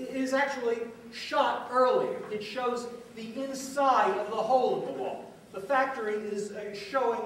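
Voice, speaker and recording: A man playing a dismissive high-voiced media analyst. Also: a bit bright, a little hiss or hum, full character voice. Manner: explains footage step by step with frequent uh fillers. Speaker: stage actor in a multimedia play. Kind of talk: stage play dialogue. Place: theatre stage. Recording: echoey stage recorded from far off.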